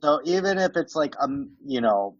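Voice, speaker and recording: Pitched on the high side with big swings, this man speaks at normal speed, and the audio's highs are cut off. His accent combines American and Romanian features. Appearing as a podcast guest expert, he demonstrates software by casually narrating the screen, filling his talk with "um" and "like."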